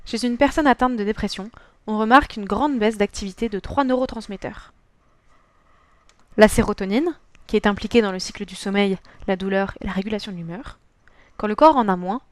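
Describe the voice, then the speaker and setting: A woman's voice: mid-range voice, no echo. A teenage girl from France narrating a scripted school presentation, reading a prepared text carefully and evenly. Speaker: student presenter.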